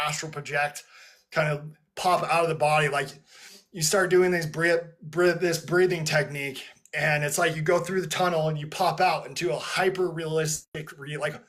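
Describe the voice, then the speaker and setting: Through a headset mic, a man with a fairly high, slightly bright voice leads breathwork during a casual livestream. He chats loosely with viewers, rambling with plenty of "like" and frequent restarts.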